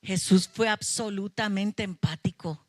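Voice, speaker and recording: A woman's voice: mid-range voice, unhurried, no room sound, studio quality. A middle-aged woman pastor, preaching a sermon with emphatic passion and playful asides to her congregation. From Colombia. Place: church sanctuary.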